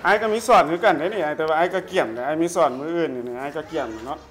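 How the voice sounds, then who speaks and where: A man acting as a bossy older colleague, rattling off his words quickly in a slightly high voice. The room echoes, and clear noise sits behind him. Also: fairly bright tone, close to an everyday voice. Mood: urging. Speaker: senior teacher, older colleague. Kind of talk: amateur short drama acting.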